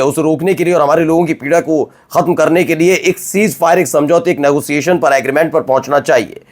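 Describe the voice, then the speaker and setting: A man presenting the news in a conversational, emphatic way, asking rhetorical questions of his viewers. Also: on the high side. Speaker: news anchor.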